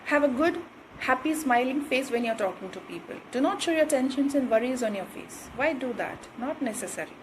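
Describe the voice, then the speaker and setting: A woman teaches communication skills in a high, clear register. She hammers home each point and keeps checking in with her listeners. A faint hum of ambience sits behind her voice. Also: animated, a little fast, rough recording. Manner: didactic, repeats points with "right?" and "okay". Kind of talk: instructional talk to camera.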